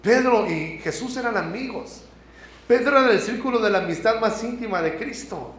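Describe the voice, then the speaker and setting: Impassioned preacher in an echoey church. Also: male voice, high voice, normal speed. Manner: impassioned, swings from hushed to loud. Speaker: pastor. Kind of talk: sermon.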